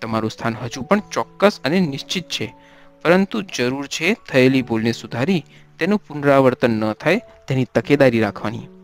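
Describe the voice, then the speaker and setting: Audiobook role: man doing a stern, composed holy man, measured counsel, mid pitch, faint music bed. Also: natural voice. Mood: gentle counsel. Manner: steady admonishing, then gentle.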